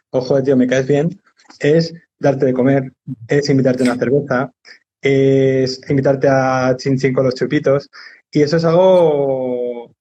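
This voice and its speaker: A man hosting a casual live video chat, relaxed and talkative, with some mild swearing. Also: medium pitch, muffled recording. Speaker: host.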